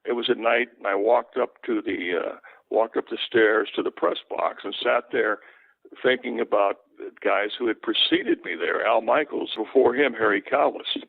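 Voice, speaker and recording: Older man, sportscaster, relaxed storyteller, gravelly voice, phone-line sound. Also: fairly low pitch, normal speed, no echo. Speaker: sportscaster guest. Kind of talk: storytelling interview.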